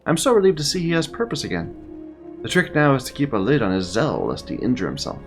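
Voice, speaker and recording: Formal, bossy male trainer, animated delivery, soft music under, played by a man reading along. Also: mid-range voice, fast. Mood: earnest.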